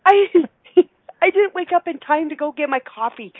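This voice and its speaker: A middle-aged woman from Alberta, Canada, who is herself a radio show host, chats as an interview guest in a high, expressive voice. She is effusive and playful, laughing often as she talks. The audio has no echo and comes over a narrow, phone-like line.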